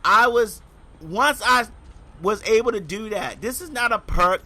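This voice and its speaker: A man's voice: high-pitched, expressive, a little slow, bright, forceful tone. A young man giving a casual video game review, chatty and talking straight to his viewers as y'all.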